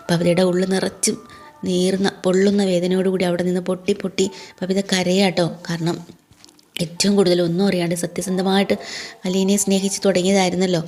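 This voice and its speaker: A woman's voice: fairly low pitch, darkish tone. A woman retelling a TV serial episode in a chatty, conversational way. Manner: conversational, tag-heavy storytelling. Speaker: serial recap narrator.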